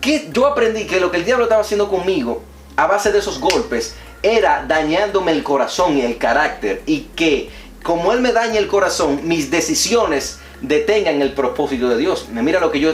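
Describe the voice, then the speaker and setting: A man with a fairly high voice gives his testimony as an evangelist guest, earnest and preachy in tone. He sounds like he is in an echoey room, and soft music plays underneath. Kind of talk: testimony in casual conversation.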